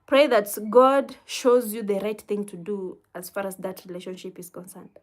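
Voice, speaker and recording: A woman hosting an informal livestream with a Kenyan accent picks up viewer comments and replies with patient, gentle guidance and quiet laughs. Her pitch is mid-range.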